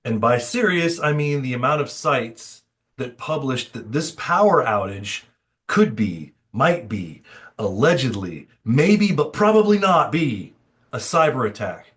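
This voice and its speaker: A man's voice: medium pitch, big pitch swings, measured pace, fairly bright tone. A man co-hosting a security podcast in casual chat, with dry, sarcastic humor. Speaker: podcast co-host.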